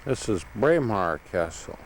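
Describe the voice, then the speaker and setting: A man narrates sights in a plain, low voice, recorded outdoors on an old camcorder VHS tape. A steady hiss runs under everything he says. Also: a little slow. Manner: plain commentary describing sights. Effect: old VHS camcorder tape sound. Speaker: tourist filming a home video. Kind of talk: casual tour narration. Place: outdoors in the countryside. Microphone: built-in camcorder mic.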